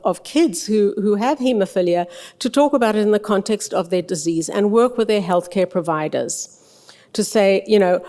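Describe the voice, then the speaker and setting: A woman's voice: medium pitch, warm tone. An older woman, a conference presenter, answers audience questions in a frank, conversational manner. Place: large hotel ballroom stage. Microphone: podium microphone. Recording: long hall reverb from PA.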